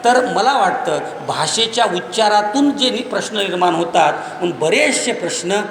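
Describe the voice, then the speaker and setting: A man giving a public lecture, explaining through lists of examples and rising to near-shouts on key points. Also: high-pitched, lively intonation, normal speed, vocal fry, slight background noise. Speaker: speaker on Marathi language and literature. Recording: echoey hall, slightly far off.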